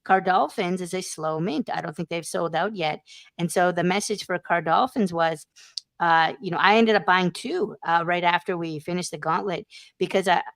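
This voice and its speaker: A woman hosts a casual online talk show, her voice sitting on the low side. She speaks effusively, piling on praise and shout-outs, recorded dry and close. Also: normal speed, dry recording. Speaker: show host. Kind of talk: casual podcast chat.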